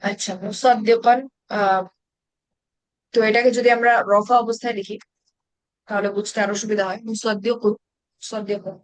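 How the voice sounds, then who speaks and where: A woman's voice: mid-range voice, flat delivery, normal speed, long pauses, dry recording. A woman teaching an Arabic grammar class in Bengali-accented speech, explaining patiently and asking her students questions. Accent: Bangladeshi Bengali.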